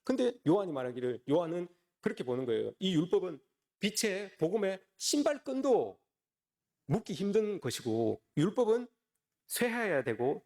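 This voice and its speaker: A man's voice: high voice, darkish tone. A man preaching a Sunday sermon as a pastor, often calling out to the congregation with rhetorical questions. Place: church service.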